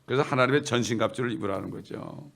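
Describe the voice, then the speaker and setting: A man's voice: mid-range voice, fast talker, creaky, fairly bright tone. A man preaching a sermon as pastor, asking the congregation questions, answering them himself and repeating key phrases for emphasis. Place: church.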